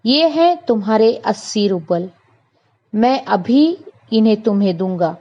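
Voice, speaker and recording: A woman voicing a stern male employer who loudly scolds and then lectures a timid servant, in a read-aloud lesson. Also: medium pitch, expressive, unhurried. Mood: firm lecturing. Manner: loud, raised, indignant lecturing. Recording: dull lo-fi recording.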